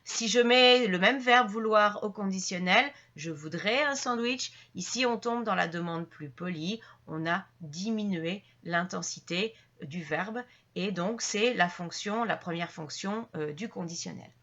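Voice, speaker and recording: A woman's voice: mid-range voice, measured pace, few pauses, fairly bright tone, muffled recording. A woman teaching a French grammar lesson to her channel's viewers, explaining patiently step by step with frequent fillers and restarts.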